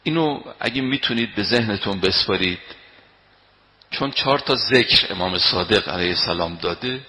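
Forceful preacher in a reverberant hall. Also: male voice, on the low side, lively intonation. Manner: emphatic, swings between loud declaiming and quiet storytelling; chants quoted Arabic verses slowly. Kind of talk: sermon.

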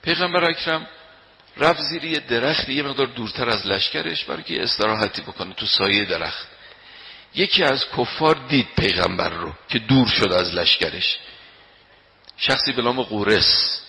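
Forceful preacher in a reverberant hall. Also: male voice, medium pitch, expressive, slight background noise. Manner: emphatic, swings between loud declaiming and quiet storytelling; chants quoted Arabic verses slowly. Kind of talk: sermon.

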